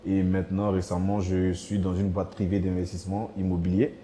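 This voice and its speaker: A man in his thirties from Côte d'Ivoire introduces himself calmly on a talk show. His voice is very deep, mellow and quite flat, and he speaks in an orderly way. A faint background hum sits under it. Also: fairly quick. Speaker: guest.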